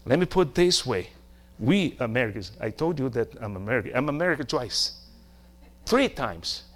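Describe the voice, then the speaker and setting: A middle-aged Brazilian man, a native Portuguese speaker with a Brazilian accent, delivers a sermon in a medium-pitched, sing-song voice that sounds a bit bright. He preaches emphatically at a moderate pace, using short phrases and rhetorical questions.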